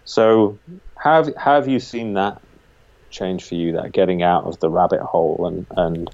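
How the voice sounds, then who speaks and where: Speaking a little slowly in a low, darkish voice, a British interviewer keeps things casual. He sounds tentative, circling with repetitions as he works out his questions, and the audio is dull and band-limited.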